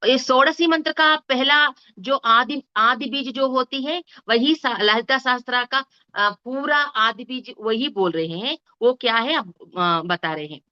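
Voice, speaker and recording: Slow, hesitant woman teaching scripture. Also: high-pitched, pushed and bright, highs cut off. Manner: hesitant, restarts, corrects herself. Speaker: spiritual teacher. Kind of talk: slow explanatory lesson.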